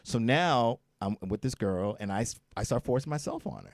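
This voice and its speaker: A man's voice: medium pitch, animated, normal speed, vocal fry, no echo, studio quality. A man co-hosting a casual talk show, telling a candid personal story and acting out the voices in it. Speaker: co-host. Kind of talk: casual chat. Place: studio.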